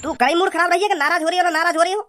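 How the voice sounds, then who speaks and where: Woman doing a rude young guy, mocking, rapid talk, fairly high voice. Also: fairly even intonation, heavy background noise. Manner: insulting, dismissive.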